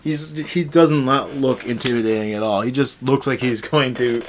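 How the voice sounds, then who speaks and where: A young man hosts a casual, rant-style review chat about an episode, rambling on in an exasperated tone. His voice sits in the middle range at a normal speed, with slight background noise.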